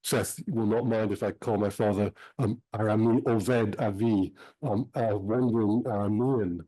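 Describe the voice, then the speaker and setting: A middle-aged man who grew up in Switzerland, giving an academic talk about his book in a measured way with many filled pauses. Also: lowish voice, fairly even intonation, mellow, rough recording.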